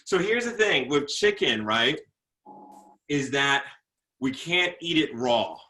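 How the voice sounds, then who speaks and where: This motivational speaker, chatting casually in an interview, has a sing-song, bright and forceful tone. He speaks with earnest conviction, repeats words as he gathers his thoughts, and grows slower and deeper whenever the subject turns to faith.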